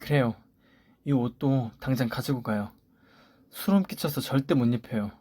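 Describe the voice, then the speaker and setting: A hurt, indignant young pregnant wife pushes back in pleading, defiant bursts, voiced by a man. The sound is close and dry, in a middling pitch. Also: moderate pace, warm tone, breathy edge, no echo, close to an everyday voice. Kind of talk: story radio voice acting.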